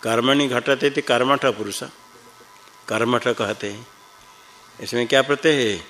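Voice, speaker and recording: A man teaching Sanskrit grammar in a class, reciting rules slowly and patiently quizzing his students. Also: medium pitch, a bit bright, soft background music, low-quality recording.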